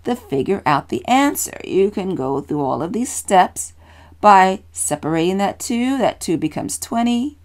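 A woman's voice: medium pitch, animated, unhurried, a little mellow. A woman teacher patiently explaining a children's math lesson, encouraging and repeating steps.

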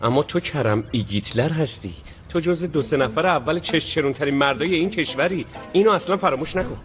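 A man's voice: on the high side, faint music behind, close to an everyday voice. A man dubbing a rich young man in a drama, brooding and self-reproaching. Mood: scolding.

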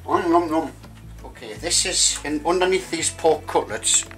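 A man's voice: a little high, measured pace, a bit bright. A middle-aged man cooking in a home kitchen with his daughter, chatty and joking as he explains each step. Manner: jokey, chatty, explaining as he cooks. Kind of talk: casual kitchen chat. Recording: background music under voice.

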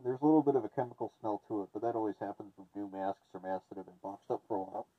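A man's voice: on the low side, rapid-fire. A man giving a casual hands-on review, his voice muffled as he speaks through a gas mask. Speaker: product reviewer.

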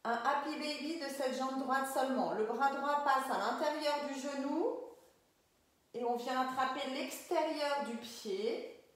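A woman guides a Pilates session in a slow, gentle way, checking in with her students as she goes. Her voice sits a little high and rings out in a very echoey room. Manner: calm, gentle step-by-step cueing with frequent "ok?". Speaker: Pilates instructor. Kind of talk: guided exercise class.

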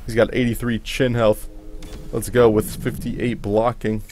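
A man's voice: medium pitch, level tone, measured pace, darkish tone, faint music behind. A man hosting a gaming video with casual commentary, reacting aloud to what appears on screen.

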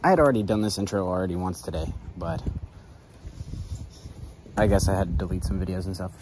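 A young adult man vlogs while fishing from a backyard dock by a canal outdoors, giving laid-back, rambling running commentary loose with fillers, filmed on a head-mounted camera. His low voice is a little mellow and fairly quick. The recording is low quality, with a little hiss or hum.

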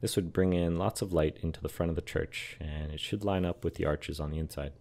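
A young man giving a calm, matter-of-fact scripted voice-over explaining how he builds a large model. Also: rumbling low, a little fast, creaky. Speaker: scale model and terrain builder. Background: soft background music.

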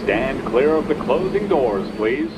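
A male transit announcer gives a muffled subway announcement at a middling pitch. His phrasing is firm and deliberate, with very loud train noise all around. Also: animated. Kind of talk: recorded subway door warning.

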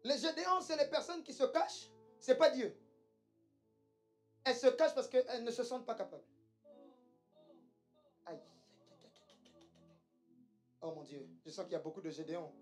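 A woman's voice: a little high, lively intonation, normal speed, long pauses, soft background music. A woman preaching a sermon with emphasis, repeating lines and calling the congregation to say them back. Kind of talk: church sermon.

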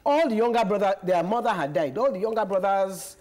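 Woman, middle-aged, lively swooping pitch, emphatic, laughs a lot. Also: a little fast. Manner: emphatic storyteller, laughs often. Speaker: panel guest. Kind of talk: casual panel discussion. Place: TV studio set.

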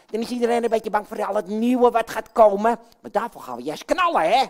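A woman's voice: a little high, animated, fairly quick, a little mellow, lightly acted. A woman playing Jan Klaassen, a blustery puppet man. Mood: coaxing. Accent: Dutch. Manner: blustery, chatty, talks to the children. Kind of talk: children's puppet show.

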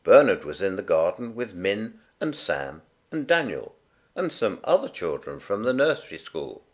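A man reading a children's picture book aloud in a gentle, unhurried, expressive way. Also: low voice. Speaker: storyteller. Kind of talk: read-aloud children's story.

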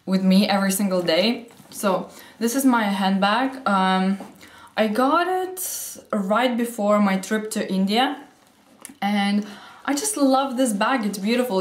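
A beauty and fashion vlogger in her twenties chats eagerly about what she carries in her handbag, in a casual what's-in-my-bag video. She's gushing and a little breathless, her medium-pitched voice a little throaty from a cold. She sits close to a camera facing her in a sunny room at home, and the sound is reverberant.

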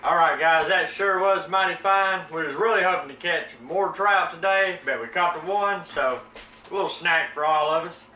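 Soft music plays in the background as a man in his thirties with a Southern American accent demonstrates, casually and in his home kitchen, how to clean and pan-fry a fish. This cooking channel host speaks at a moderate pace in a fairly high voice, folksy and relaxed, calling viewers "guys," all captured on a phone camera.

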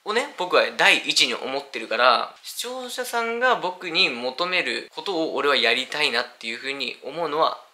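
A man's voice: a little high, expressive, moderate pace, hardly any pauses, bright, forceful tone. A young man talking unscripted to his viewers, rambling with many fillers, earnest and apologetic. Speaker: YouTuber announcing a hiatus. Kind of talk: unscripted talk to camera.

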